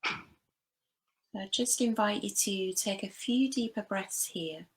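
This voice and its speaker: In a guided body scan, a female meditation teacher speaks at medium pitch, giving slow, gentle instructions separated by long pauses.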